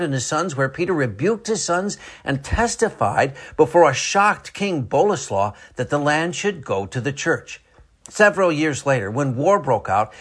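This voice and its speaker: A man reading scripted narration as the presenter of a short radio segment. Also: fairly high pitch. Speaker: meteorologist presenting a saint of the day segment.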